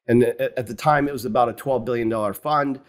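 An interview guest on a video call, this American fund founder in his fifties calmly explains the course of his career in a conversational way. He has a medium pitch and a measured delivery marked by repeated "you know." He's speaking into a webcam from a home office furnished with wooden cabinets.

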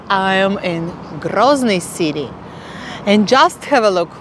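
Give me an enthusiastic woman with a Russian accent, vlogging slowly on a phone with many ums. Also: fairly high pitch, noisy background. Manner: enthusiastic, halting with many fillers. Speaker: travel vlogger. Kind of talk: casual travel vlog narration. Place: outdoors in a city and inside a large mosque.

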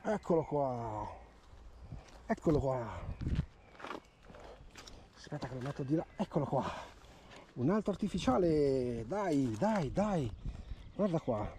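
Against a noisy background, a man narrates a casual vlog while magnet fishing at a river's edge. His pitch is fairly high and his pace slow, with frequent pauses, and he gets excited, repeating words as he points out each find.

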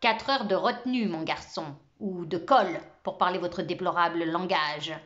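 A woman voicing a stern, cold old male French teacher with a rusty, grating voice, speaking slowly and with contempt. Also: fairly low pitch, a bit bright, muffled recording, close to an everyday voice. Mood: coldly menacing. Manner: slow, icy, each word dropped with contempt.

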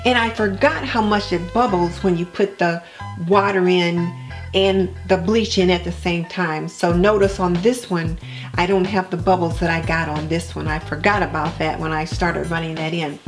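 A woman in her home kitchen, walking viewers through cleaning her sink step by step in a relaxed, practical way. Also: on the low side, moderate pace. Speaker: homemaking vlogger. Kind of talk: cleaning tutorial narration. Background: background music.

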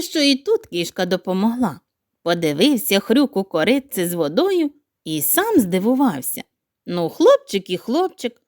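Female narrator for kids' audiobook: high, animated, playful, recorded dry and close. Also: no echo. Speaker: storyteller. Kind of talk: expressive fairy-tale narration for children.

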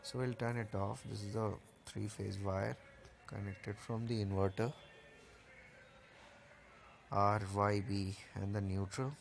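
A man with a low, gravelly voice that stays fairly flat as he talks through the wiring. He explains each part plainly, one step at a time, pausing on the odd "uh". A faint hiss of outdoor noise sits underneath. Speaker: solar installer explaining a setup. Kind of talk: casual technical walkthrough. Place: outdoors at a rooftop solar installation.

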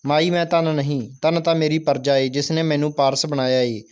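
A man reading the part of a kind, generous king in a school play, speaking gently in his own voice. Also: on the high side, flat delivery, fairly quick, clear, resonant tone, natural voice. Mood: kindly.

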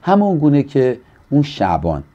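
A man's voice: medium pitch, wildly swooping pitch, dull audio. A pastor from Iran, a man, earnestly teaching on a studio talk show in a preacherly way. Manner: earnest and preacherly, acting out quoted people with a livelier voice.

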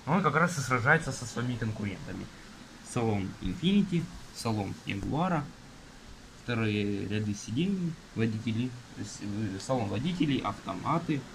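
A young man casually reviewing a car magazine page by page, listing items in a halting way with fillers, filmed on a phone at a table indoors while rain falls outside. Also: lowish voice, animated, gravelly, a little hiss or hum, poor audio. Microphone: phone camera filming from above.

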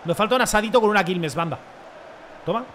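A young man, commentating his football video game with jokes, dramatic rants and sudden shouts. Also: high voice, lively intonation, quick pace, slight background noise. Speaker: gaming streamer.

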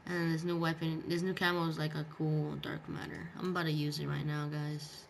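A man's voice: fairly high pitch, little pitch movement, fairly quick, gravelly. A male gaming video host giving casual gameplay commentary with slangy, bro-heavy talk. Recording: background game noise.

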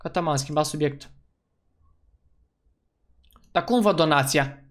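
A man giving let's-play commentary as a gaming YouTuber, excitable and slangy, breaking into loud whoops. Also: on the high side.

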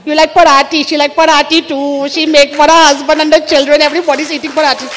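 A woman's voice: high-pitched, level tone, extremely slow, a bit bright, in a large hall, full character voice. A woman doing a chatty homemaker mum. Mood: doting. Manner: broken English, chatty. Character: doting homemaker mother of four daughters.

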